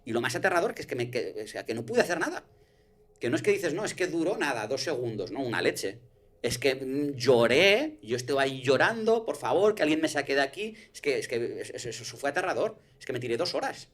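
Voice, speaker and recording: Animated man telling a story. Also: mid-range voice, a little fast. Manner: animated storytelling, swears, restarts. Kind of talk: casual conversation, personal story.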